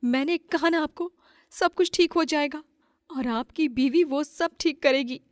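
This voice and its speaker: Woman as a high-voiced, devout, determined wife. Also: unhurried, dry recording, studio quality. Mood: earnest resolve. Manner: earnest, emphatic, pleading. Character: devout, loyal young wife and mother, determined. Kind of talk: acted Hindi moral story.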